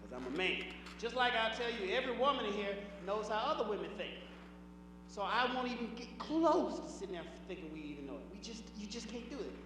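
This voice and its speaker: A man doing stand-up comedy, animated, acting out voices and shouting punchlines. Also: sits high, brisk. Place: large hall before a live audience. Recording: echoey hall recording from far off, noisy.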